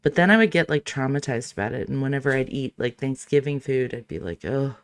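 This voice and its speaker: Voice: medium pitch, fast. A host mocking a played clip in casual, sarcastic reaction commentary, swearing now and then.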